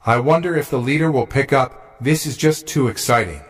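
A man's voice: mid-range voice, normal speed, lightly acted. A man voicing a young male former hero fan turned scheming villain recruit, eager and prone to snickering. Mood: excited.

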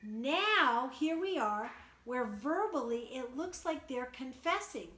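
A woman's voice: sits high, animated, slow pace, a bit bright, echoey room. A woman teaching a Bible study in a conversational way, asking her listeners questions and acting out the quotes she reads.

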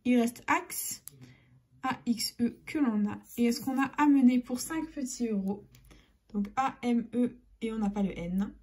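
A woman narrates scratch cards in a casual vlog, chatty and spelling out letters one by one, often slipping into soft half-whispers. Her voice sits slightly high, with a husky, breathy texture and a mellow, dark tone. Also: unhurried. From France. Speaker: YouTuber scratching lottery tickets.

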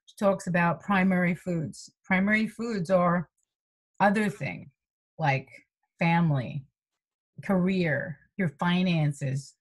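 This middle-aged American woman, a health coach, speaks in a lowish voice and takes it slowly while being interviewed by webcam from a small room at home. Her talk is rambling and lively, with frequent laughs and lots of "you know."

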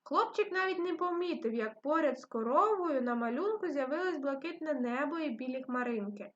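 A woman teaching a reading and phonics lesson to young children, speaking slowly and clearly with patient encouragement. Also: high-pitched, lively intonation. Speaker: primary school teacher. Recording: dull lo-fi recording.

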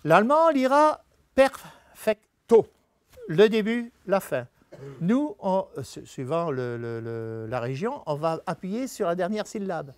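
A man delivers a typography presentation to a live venue audience, walking through it step by step and checking in with listeners as he goes. His high voice has a sing-song quality and a slightly slow pace, with no room sound.

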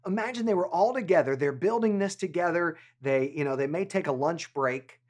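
Animated man teaching a children's Bible lesson. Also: a little high, a little fast. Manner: animated and playful, acts out the story.

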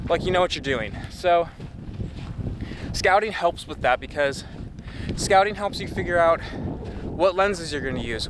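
A man in his twenties talking casually and ramblingly to camera outdoors on an exposed, windy shore, easily distracted and self-deprecating. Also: fairly high pitch. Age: 20s. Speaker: photography vlogger. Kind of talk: casual outdoor vlog talk. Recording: loud wind noise on microphone.

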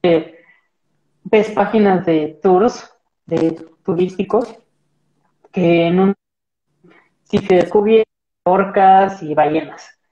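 A young Mexican man speaks as a guest over a laptop video call from a small plain room. His voice is mellow and soft-edged, and he rambles easily, leaning on fillers and little tag questions as he thinks aloud. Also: high-pitched, takes it slowly, pauses often, muffled recording. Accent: Mexican Spanish. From central Mexico. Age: young adult. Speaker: guest, marine biologist. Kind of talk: casual video-call interview chat.

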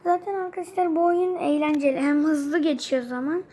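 Chatty high-voiced young Turkish gamer girl. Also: steady tone, brisk, mellow, slight background noise. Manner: chatty, easily frustrated, addresses viewers constantly. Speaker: gaming channel host. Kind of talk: mobile game commentary.

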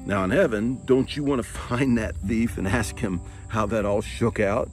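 A man's voice: on the low side, moderate pace. A man giving an earnest, reflective sermon-style talk as preacher and songwriter, often repeating words as he goes. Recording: music bed playing behind the voice.

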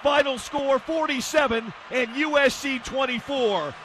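A man calling a college football game play-by-play, with clipped calls that build into shouted touchdown calls. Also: extremely high pitch, a little slow. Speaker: play-by-play announcer. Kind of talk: radio play-by-play commentary. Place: football stadium broadcast booth. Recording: loud stadium crowd and noise behind.

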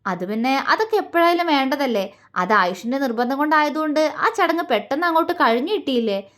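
A woman's voice: high-pitched, expressive, brisk, a bit bright. A woman voicing a playful, affectionate old grandfather who teases his grandson, in a storybook reading. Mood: teasing. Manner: playful teasing.

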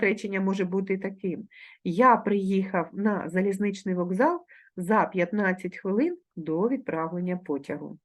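A primary school teacher with a Ukrainian accent dictates words slowly and clearly during a recorded online lesson. Her mid-range voice is carefully articulated throughout.

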